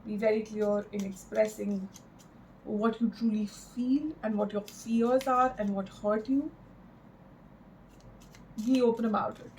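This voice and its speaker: Creaky-voiced woman giving a mystical tarot reading. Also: medium pitch, fairly even intonation, darkish tone, a little hiss or hum, low-quality recording. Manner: halting, reflective, with repeated phrases for emphasis. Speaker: tarot card reader.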